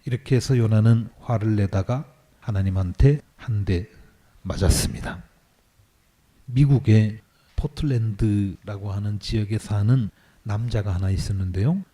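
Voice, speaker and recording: A middle-aged pastor preaching a sermon, telling stories and acting out quoted lines with a raised voice. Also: male voice, on the low side, mellow, husky.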